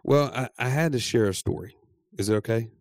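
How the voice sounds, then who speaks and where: Male co-host, gravelly voice, animated casual storyteller, dry studio sound. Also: mid-range voice, a little fast, no room sound. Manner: animated storyteller, laughs often. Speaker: podcast co-host. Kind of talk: casual chat.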